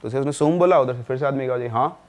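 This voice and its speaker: A man's voice: medium pitch, fast, a little mellow. A man casually telling a true horror story, dropping his voice at tense moments. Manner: conversational, drops voice at tense moments.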